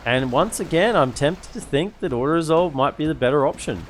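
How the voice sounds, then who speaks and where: A man's voice: fairly high pitch, expressive, brisk, a little hiss or hum. A man giving casual strategy game commentary as a streamer, thinking aloud as he goes. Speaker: gaming streamer. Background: game music.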